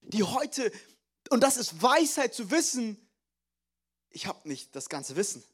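A young man preaching a sermon as pastor, lively and joking, slipping in English phrases. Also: very high voice, a little slow, breathy edge.

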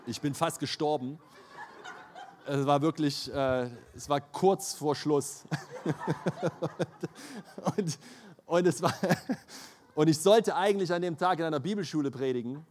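A middle-aged male preacher with a slightly raised pitch delivers a lively sermon. He tells personal stories and acts out what people said. He laughs often as he preaches. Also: measured pace, long pauses. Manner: animated storytelling, laughs often, acts out quotes.

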